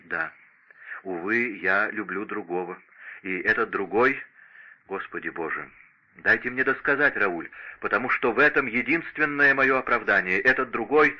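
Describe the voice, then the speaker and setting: A man's voice: lowish voice, bright, forceful tone, lo-fi sound. Man reading as a pleading young noblewoman. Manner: impassioned, imploring. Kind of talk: audiobook character reading.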